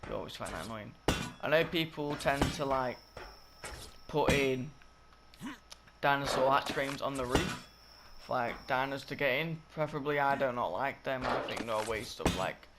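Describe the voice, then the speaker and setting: With a croaky, somewhat ill-sounding voice at medium pitch, a young gaming tutorial creator gives casual gameplay commentary on a game build. His talk wanders, is packed with fillers and frequent self-corrections, and loud game sounds and clicks fill the background.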